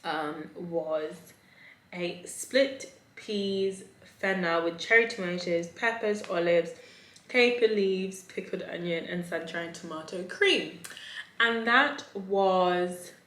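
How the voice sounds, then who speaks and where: A woman's voice: fairly low pitch, slow, a bit bright. A woman giving a casual, chatty restaurant review with a campy, theatrical manner and exaggerated emphasis on key words. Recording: echoey, roomy voice recording.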